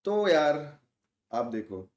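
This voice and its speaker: A man's voice: a little high, big pitch swings, drawn-out words. A young man with an Indian accent chatting casually with his livestream viewers, talking straight to the chat and dropping English words in. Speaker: gaming livestreamer. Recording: roomy echo.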